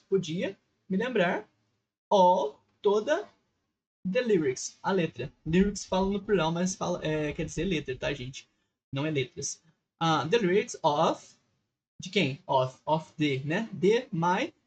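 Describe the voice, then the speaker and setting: A man's voice: sits high, breathy edge. Brazilian man teaching patiently. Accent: Brazilian Portuguese. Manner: patient, checks in constantly with short tag questions. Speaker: English teacher. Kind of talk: screen-recorded lesson explanation.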